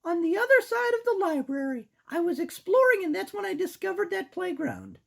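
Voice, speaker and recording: An excitable little girl mouse from a children's storybook. The voice is squeaky and pitched very high. She is perky, bold and always up for adventure. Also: fairly quick, creaky, heavily acted. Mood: excited, boasting. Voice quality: squeaky, shrill. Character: excitable adventurous young female mouse explorer.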